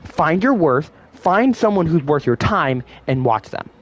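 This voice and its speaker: A man's voice: fairly high pitch, sing-song, measured pace. A man giving casual online commentary, rambling with frequent self-corrections. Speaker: YouTube commentator.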